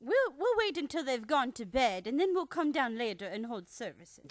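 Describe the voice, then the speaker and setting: An actress playing a fussy, secretive elderly aunt, gently bossy, in old-time radio comedy style. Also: female voice, high-pitched, very animated, moderate pace. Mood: secretive, coaxing.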